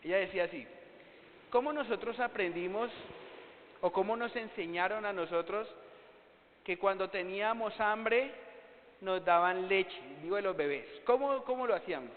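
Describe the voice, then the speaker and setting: A high-pitched man preaches to his congregation. His voice rings with a long reverb, and the sound is thin and phone-like. He keeps asking rhetorical questions and answering them himself. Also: moderate pace, slight background noise. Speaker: pastor. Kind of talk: sermon.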